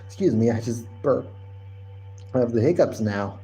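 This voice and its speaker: A man's voice: medium pitch, expressive, fast, over music. A man hosting a wrestling podcast live stream, rambling casually and often repeating and correcting himself.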